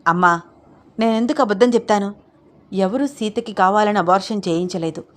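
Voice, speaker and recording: A woman's voice: medium pitch, moderate pace, natural voice. A woman voicing a patient young husband. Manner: patient, explaining. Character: young husband, calm and reasoning.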